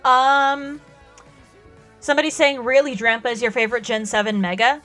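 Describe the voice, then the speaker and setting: Young woman streamer, chatty and excitable, a bit of a cold, bright higher voice over faint music. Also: normal speed. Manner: excitable, gushes and laughs a lot. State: coming down with a cold, coughing. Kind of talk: casual chat while drawing.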